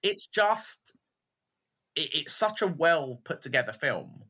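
A man co-hosting a podcast, chatting casually about films in an animated, rambling way. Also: fairly high pitch, takes it slowly, slightly rough. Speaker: podcast co-host. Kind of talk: casual film chat.

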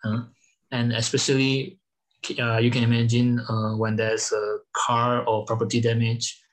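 A man from Malaysia, a startup founder, answering podcast interview questions in halting English with many fillers. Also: medium pitch, monotone, rough recording. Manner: halting, many fillers, non-native phrasing. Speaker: guest, startup founder and CEO.

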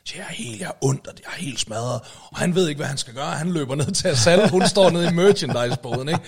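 A man's voice: on the high side, lively intonation, husky. A man telling a story in casual podcast chat, with lots of fillers and tag questions and casual swearing. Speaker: podcast co-host, musician.

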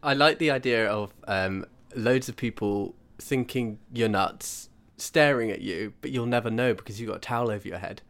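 A man's voice: on the low side, moderate pace, hardly any pauses, a bit bright. A man hosting a podcast in a jokey, teasing conversational style. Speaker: podcast host. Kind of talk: casual chat and programme introductions.

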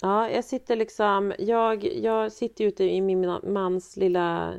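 A woman's voice: medium pitch, little pitch movement, gravelly, a little mellow, smooth. A woman co-hosting a casual chat over a video call, rambling with many fillers and restarts, from a small room full of guitars. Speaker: podcast co-host, mother.

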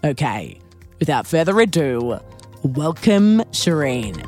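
A podcast host reads an upbeat scripted intro, then chats enthusiastically with her guest in an interview. Her voice sits low with big pitch swings, slow and a little mellow, with faint music in the background.

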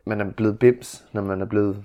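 A man, chatting casually as a fellow parent, reacting with quick exclamations. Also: lowish voice, steady tone, highs cut off. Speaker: co-host, parent. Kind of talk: casual chat.

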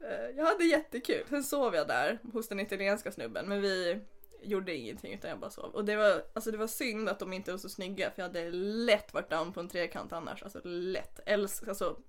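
A young woman co-hosting a casual podcast, telling an animated story and often laughing as she talks. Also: medium pitch. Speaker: podcast co-host.

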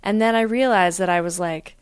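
A woman's voice: lowish voice, a little fast, smooth, no echo. A woman co-hosting a podcast in casual personal conversation, talking in a candid, reflective way. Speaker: podcast co-host.

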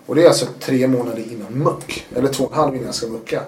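Man, casual storytelling, animated, quoting others, mid pitch, echoey room. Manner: animated, acts out quotes. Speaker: guest. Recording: roomy echo.

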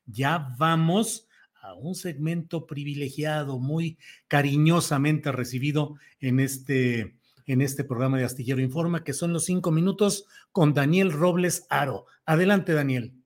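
A man hosting a live news programme, with a measured, formal and wordy way of talking. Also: a little high.

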